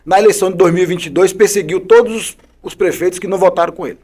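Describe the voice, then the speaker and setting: A man's voice: high-pitched, steady tone, rapid-fire, a little mellow. A man, a politician guest on a podcast, speaking combatively with repeated rhetorical questions. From Bahia, Brazil. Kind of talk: podcast interview.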